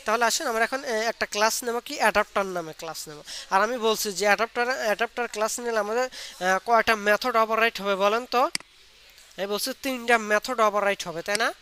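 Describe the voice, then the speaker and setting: A man runs a live online programming lesson, explaining each step and firing questions at his students. His voice is bright and forward, picked up by a computer mic with a faint hiss of noise behind it. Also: sits high, fast. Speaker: programming instructor. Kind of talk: live online coding class. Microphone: computer mic on a video call.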